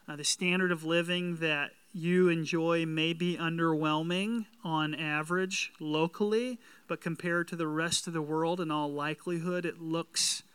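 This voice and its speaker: Male preacher, Southern US accent, high clear voice, deliberate rhetorical delivery, close dry sound. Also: pushed and bright, no echo. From Southern United States. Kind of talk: sermon.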